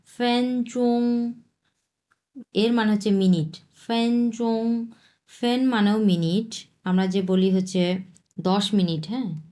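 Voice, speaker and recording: A woman teaching a Chinese lesson, patiently repeating words slowly and explaining their tones. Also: mid-range voice, mellow. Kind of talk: language lesson explaining vocabulary.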